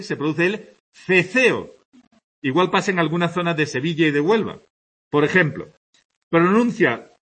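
His high, fairly bright voice has a breathy edge as he lectures on Spanish dialects. The weary Andalusian teacher, with an accent from that region, keeps the class conversational and frequently checks on his students.

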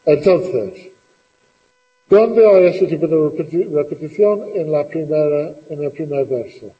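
A man's voice: a little high, expressive, measured pace, big-room sound, dull audio. A middle-aged man teaching a classroom lesson, patiently asking questions and repeating the students' answers.

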